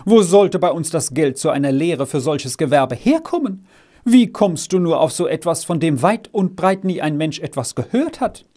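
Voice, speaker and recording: A man's voice: fairly high pitch, very animated, normal speed, mellow, pitched above the performer's own voice. A man voicing a worried, scolding peasant mother who laments in a raised voice. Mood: lamenting. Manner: urgent, lamenting.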